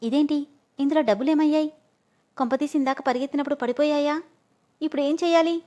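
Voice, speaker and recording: Woman doing a feisty young woman, impulsive, a bit high-pitched, storybook reading. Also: quick pace, dark tone, highs cut off, natural voice. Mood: flustered.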